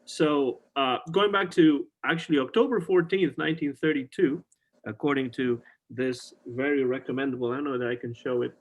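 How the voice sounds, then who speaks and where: A middle-aged man hosts a podcast over a video call, chatting eagerly about old songs with plenty of fillers and restarts. His voice is medium in pitch and his pace is moderate.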